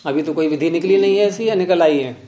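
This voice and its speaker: A man with a slightly high voice teaches philosophy to students in an echoey room, speaking quickly in a dark tone. He questions the class constantly, prompting them again and again with "hmm?".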